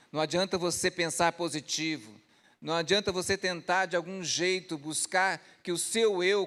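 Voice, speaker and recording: A male pastor preaching a lively storytelling sermon at a church service, often asking the congregation rhetorical questions. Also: on the high side.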